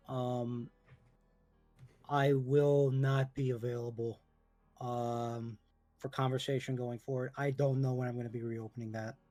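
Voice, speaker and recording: Halting young man on a mellow call. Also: mid-range voice, no room sound. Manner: halting, hesitant, repeats words. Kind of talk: online group voice call.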